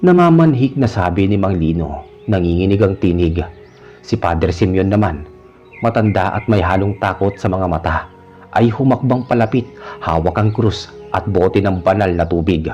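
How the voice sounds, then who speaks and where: Low dark-voiced male horror narrator. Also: lively intonation. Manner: measured storytelling. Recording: dull lo-fi recording with faint music. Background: faint music.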